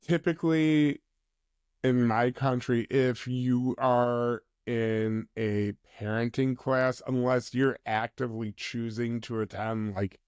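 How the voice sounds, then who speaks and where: A man speaking as a mental health counsellor guest on a podcast, explaining in a measured way. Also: medium pitch, steady tone, a little mellow, smooth, dry recording, studio quality. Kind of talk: podcast interview conversation.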